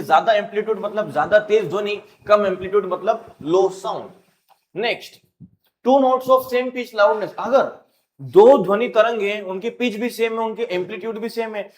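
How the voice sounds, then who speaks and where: Guy running a fast revision class, high voice, playful, acts stuff out, roomy echo. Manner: playful, animated, acts out sounds and student lines. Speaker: teacher. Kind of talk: rapid-fire exam revision lesson.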